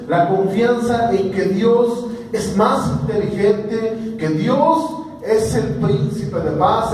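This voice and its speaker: High-voiced Mexican pastor in an echoey hall. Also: male voice, a little mellow, a little hiss or hum. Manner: storytelling preacher who asks the congregation questions. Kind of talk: sermon. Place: church hall. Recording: echoey church hall recorded from far off.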